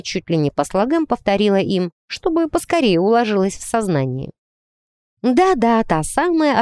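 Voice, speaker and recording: Give me a woman with a smooth, animated voice narrating a first-person audiobook. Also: medium pitch, no echo, clean studio sound. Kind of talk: expressive first-person novel reading.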